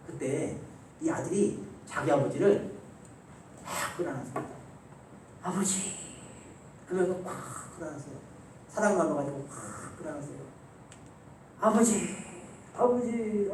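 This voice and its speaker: A male pastor delivers a Sunday sermon as emphatic storytelling, rising loud and dropping soft. His voice sits a little high and reaches the mic from far off. The church hall is very echoey, with a faint ambient hum underneath. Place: church sanctuary.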